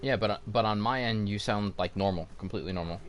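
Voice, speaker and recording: A man's voice: lowish voice, quick pace. A man hosting a gameplay livestream from home, talking casually into a headset, rambling with fillers and restarts. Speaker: livestream gamer host. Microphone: gaming headset.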